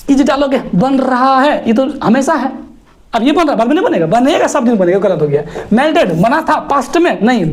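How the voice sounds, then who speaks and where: This is a male teacher, working through an exam-prep grammar lesson. He talks in a lively, teasing way and throws rhetorical questions that scold his students. He also spells words out letter by letter. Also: extremely high pitch.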